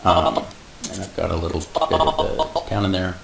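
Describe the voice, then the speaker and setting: A man explaining animation software step by step in a casual tutorial, adding little sound effects like "boom". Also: very animated, moderate pace, vocal fry. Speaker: animation instructor. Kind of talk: screen-recorded software tutorial. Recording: echoey room with faint hiss.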